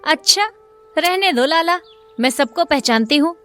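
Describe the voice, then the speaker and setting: Woman doing a shrill, fiery village wife. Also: animated, measured pace, fairly bright tone, faint music behind. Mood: furious. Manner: shrill, scolding, hurling insults. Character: fiery, sharp-tongued village wife, middle-aged.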